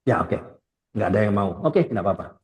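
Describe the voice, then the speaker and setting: A man's voice: on the low side, lively intonation, fairly quick, poor audio. A man hosting an online meeting on a video call, politely asking the audience to switch on their cameras. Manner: polite, gently coaxing the audience. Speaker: host of an online prayer meeting.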